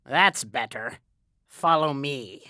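A woman voicing a thin, sly little man who talks in a slow, wheedling, persuasive way, reading a storybook. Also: very deep voice, lively intonation, pushed and bright, dry recording, studio quality, voice pushed down, exaggerated voice. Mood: scheming.

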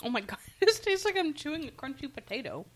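A woman's voice: sits high, sing-song, fast talker. A young woman co-hosting a casual snack-tasting chat, making dry joking asides. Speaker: co-host reviewing snacks.

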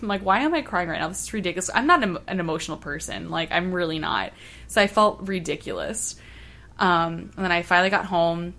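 Female podcast guest: bright, animated storyteller who uses many fillers. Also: on the low side. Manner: animated storyteller, filler-heavy, laughs often. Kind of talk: casual chat.

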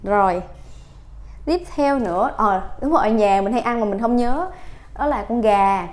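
A woman teaching vocabulary in a casual spoken lesson, repeating each word slowly and stretching its sounds. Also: mid-range voice. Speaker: Thai language teacher.

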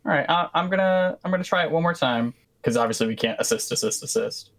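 A man's voice: a little high, lively intonation, quick pace. A man playing a tabletop role-playing game, chatting casually with laughs and stammered restarts. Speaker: player. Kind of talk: tabletop role-play chat.

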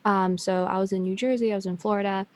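Speaking quickly but steadily, this young woman has a medium-pitched, darkish voice. Originally from China and raised in Canada, she talks with a mostly Canadian accent lightly shaded by Chinese. As a guest in a casual chat, she's talkative and quick to laugh, with frequent ums and restarts.

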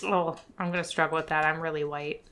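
A woman's voice: sits low, fairly even intonation, fast talker, fairly bright tone. A woman with an Upper Midwest accent, a guest on a casual podcast, making dry, teasing quips.

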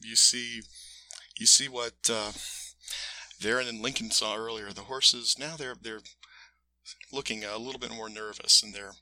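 Very bright-voiced man running a tabletop game. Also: on the low side, steady tone, rough recording. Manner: halting, pausing mid-phrase to search for words. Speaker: game master. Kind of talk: casual improvised tabletop game narration.

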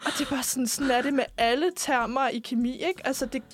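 A young woman with a fairly high voice chats and teases on a radio show, laughing easily. Faint music sits under her voice. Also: steady tone. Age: young adult. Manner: chatty, teasing, laughs easily. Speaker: radio co-host. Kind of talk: casual chat.

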